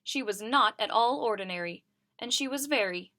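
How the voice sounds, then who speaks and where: A woman reads a children's picture book aloud with a bright, lively tone. Her voice sits a touch high and she gives each character a little voice of its own. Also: moderate pace. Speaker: reader. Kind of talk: children's story read-aloud.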